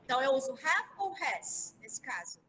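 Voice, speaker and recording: A woman's voice: high-pitched, big pitch swings, normal speed, in a large hall, over a noisy crowd, rough recording. A woman from Brazil teaching English grammar in an online class, patiently spelling words out letter by letter. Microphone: video call.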